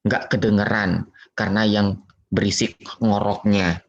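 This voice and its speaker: A man's voice: on the low side, level tone, measured pace. A man telling a playful story lesson to children, acting out knocks and sounds with little chuckles. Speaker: children's religious teacher. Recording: dull lo-fi recording.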